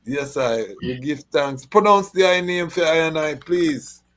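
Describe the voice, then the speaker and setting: A man's voice: fairly high pitch, a little slow, faint music behind. Laid-back male podcast host. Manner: relaxed, uses Rasta phrasing. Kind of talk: interview.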